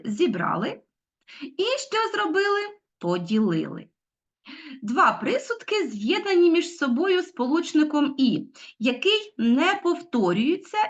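A middle-aged woman teaching a recorded online lesson, explaining step by step and asking her pupils questions. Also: high voice. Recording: dull lo-fi sound.

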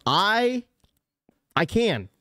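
High-pitched and pushed, with big pitch swings and a bright edge, the young man talks extremely slowly while hosting his sneaker livestream. There's no echo from the close boom-arm studio mic in his small indoor room lit blue. It's casual stream chat, and he keeps joking, laughing, and doing voices.

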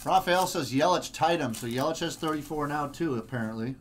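A man hosting a live card break, reading player names in quick lists with chatty asides. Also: a little high, a little hiss or hum. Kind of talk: live group break commentary.

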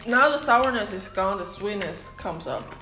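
A young woman whose first language is Chinese, co-hosting a casual food tasting vlog, curious and deliberate as she tastes. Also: mid-range voice, expressive, roomy sound, music in the background, rough recording. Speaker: vlog co-host.

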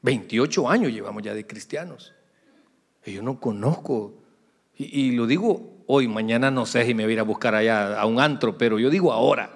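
Middle-aged pastor preaching in a hall. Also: male voice, medium pitch, normal speed, vocal fry, breathy edge. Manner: conversational preaching with humorous asides to the congregation. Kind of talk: sermon. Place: church sanctuary.

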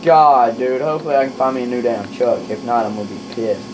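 While playing a trucking game with a friend, a man chats casually, rowdy and swearing a lot, breaking into loud excited outbursts. His pitch is medium and his pace quick, with background noise behind him.

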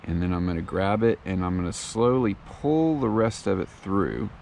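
A man's voice: low-pitched, normal speed, creaky, a little hiss or hum. A man teaching fly fishing gear setup outdoors in a casual, step-by-step way, with plenty of ums and uhs. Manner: relaxed, filler-heavy step-by-step explaining. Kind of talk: casual how-to tutorial. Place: outdoors on a lawn.

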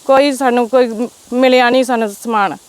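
Outdoors in a village, a young woman with a Punjabi accent from the Majha region is interviewed as a fire victim. She's distressed and repeats herself in emotional testimony. Her slightly high, clear, resonant voice is a little mellow, with fairly even intonation and a moderate pace.

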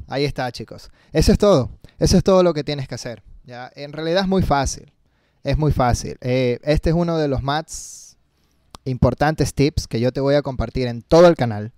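Guy teaching english in spanish, upbeat and chatty, tossing in english words, higher voice, dry close sound. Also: darkish tone, dry recording. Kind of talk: casual online lesson.

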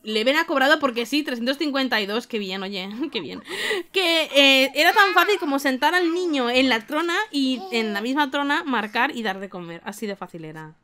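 A young gaming YouTuber with a Spain Spanish accent does casual let's play commentary in a high-pitched voice at normal speed. She's expressive and exclamatory and laughs often.

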